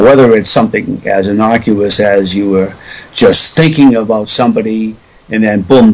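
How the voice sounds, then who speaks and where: A man explaining conversationally as an interview guest, halting and correcting himself as he rambles. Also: on the low side, darkish tone, rough recording.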